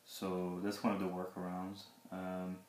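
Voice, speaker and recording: A man's voice: low-pitched, completely flat delivery, a little slow, a little mellow. A man giving a casual, unscripted product review, speaking hesitantly and a little awkwardly through a sore mouth after dental surgery. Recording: roomy echo, background hiss and clicks.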